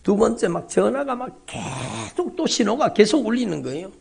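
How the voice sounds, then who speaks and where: Gravelly, high-voiced pastor preaching. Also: male voice, sing-song, moderate pace. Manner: dramatic storytelling with swings between loud cries and hushed whispers. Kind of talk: emotional sermon testimony. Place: large church sanctuary.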